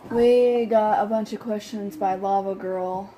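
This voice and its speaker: Female vlog host, unhurried and teasing, very slow talker, faint room noise. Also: mid-range voice, fairly even intonation, dark tone. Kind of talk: casual chat. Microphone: camera.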